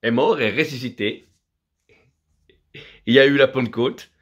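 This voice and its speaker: A man's voice: mid-range voice, a little slow, lo-fi sound. Fervent male preacher with alleluias. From Vietnam. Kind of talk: sermon.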